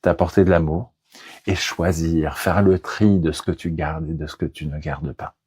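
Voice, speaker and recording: A man with a low, husky voice guides a hypnosis session. His delivery is soothing and deliberate, recorded close and very dry, with no room sound around it. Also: steady tone, a little mellow, no echo.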